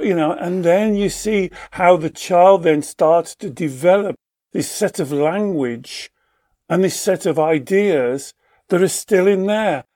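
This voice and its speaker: Male therapist, fairly high voice, explains in conversation, animated storyteller who acts out voices.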